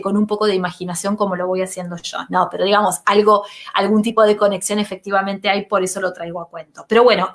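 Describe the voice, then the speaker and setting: A woman's voice: fairly high pitch, fairly bright tone. A woman teacher giving a recorded lecture, explaining step by step and often checking in with "¿sí?".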